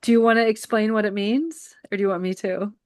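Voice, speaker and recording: A woman's voice: medium pitch, steady tone, brisk, darkish tone, dry recording. Woman moderator, upbeat and encouraging, dry close sound, video call. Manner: upbeat, encouraging, laughs easily. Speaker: co-host and moderator. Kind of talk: casual group facilitation.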